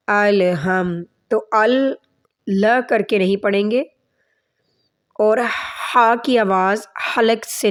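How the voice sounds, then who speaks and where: A woman teaching a tajweed lesson, patiently correcting mistakes step by step and reciting in a slow, drawn-out chant. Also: mid-range voice, darkish tone. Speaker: Quran teacher.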